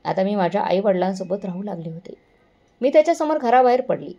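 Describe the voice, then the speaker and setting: Gravelly woman telling a somber story. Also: medium pitch, fast, dark tone, muffled recording. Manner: earnest, somber telling with self-corrections. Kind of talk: first-person moral story narration.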